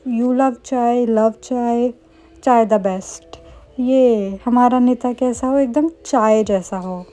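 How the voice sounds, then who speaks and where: A young woman, a medical student, chatting fast in a casual vlog with playful, self-mocking asides. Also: a little high, dark tone. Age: young adult. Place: student hostel room.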